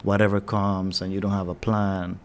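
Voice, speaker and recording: A man's voice: low-pitched, little pitch movement, normal speed, darkish tone, a little hiss or hum. A man hosting an interview, talking in an encouraging, affirming way to his guest. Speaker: interview host. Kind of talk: interview conversation.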